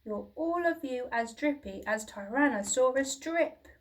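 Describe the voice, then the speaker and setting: A woman's voice: high-pitched, animated, unhurried. A woman voicing a dismissive, boastful father tyrannosaur in a storybook, with a blunt, scoffing manner.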